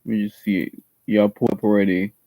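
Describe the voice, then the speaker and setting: The recording is dry and low-quality, carrying a man's fast, dark-toned voice that sits on the low side with little pitch movement. He speaks with a slight Jamaican accent, seated at home on a casual live stream, reading instructions aloud for an acting audition and often restarting or repeating what he says.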